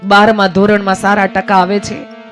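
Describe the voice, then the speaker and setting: A woman's voice: medium pitch, monotone, normal speed. A woman narrating a devotional story, emotionally voicing a father, mother and son. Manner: emotional storytelling, voices the characters' pleas. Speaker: religious storyteller. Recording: faint music behind voice.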